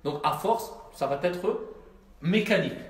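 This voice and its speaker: A man's voice: high-pitched, expressive, a little slow, a little hiss or hum. A man teaching a class, patient and repetitive, often checking that his students have understood. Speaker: Arabic teacher. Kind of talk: classroom lesson. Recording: echoey room.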